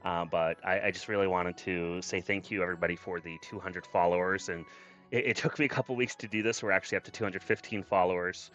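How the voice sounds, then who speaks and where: A low-sitting, steady male voice with a quick pace and a slightly bright quality chats casually on a VTuber livestream. He's effusive and grateful, regularly thanking viewers, with background music underneath.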